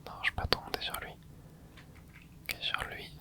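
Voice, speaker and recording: At a normal speed, a man whispers gentle, laid-back commentary to himself while gaming for his ASMR channel. Gamer slang runs all through what he says.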